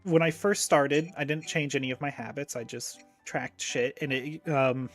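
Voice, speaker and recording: A man's voice: mid-range voice, fairly even intonation, normal speed, faint music behind. A man hosting a casual chat, talking in a rambling way full of ums and offhand swearing. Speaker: host.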